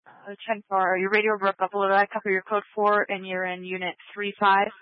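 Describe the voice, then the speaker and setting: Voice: medium pitch, monotone, a little fast, dry recording. A police dispatcher calling terse, clipped codes over a police radio transmission. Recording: tinny, dry radio channel.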